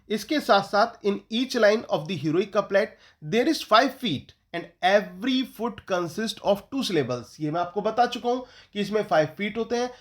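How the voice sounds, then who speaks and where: A male teacher with an Indian English accent gives an exam-prep lecture, slowly dictating English notes and then explaining them in Hindi with questions to the class. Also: high voice.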